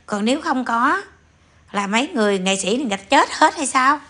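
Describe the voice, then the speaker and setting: A woman's voice: on the high side, expressive, fairly quick, pushed and bright. A woman hosting an opinion vlog, scolding her viewers with a string of rhetorical questions. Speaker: vlog host. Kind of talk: opinion commentary monologue.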